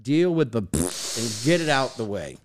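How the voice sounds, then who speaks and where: A man's voice: mid-range voice, big pitch swings, a little slow, a little hiss or hum. A man co-hosting a sports podcast, joking around and reading out viewer comments. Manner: upbeat, jokey, reads out viewer comments. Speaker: podcast co-host. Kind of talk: casual sports podcast chat.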